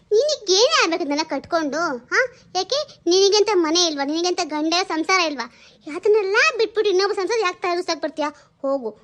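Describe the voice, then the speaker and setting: A woman playing a young wife who laments her hardships and snaps back at a nosy neighbour. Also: very high voice. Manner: tearful laments, turns sharp and scolding. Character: suffering young wife, grieving and defiant.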